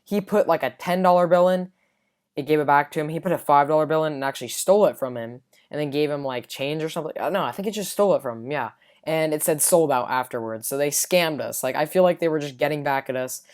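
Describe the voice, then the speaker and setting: A woman's voice: sits low, fast, darkish tone. A woman telling a storytime on her own channel in a casual, rambling way, with lots of fillers and loose asides. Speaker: vlogger.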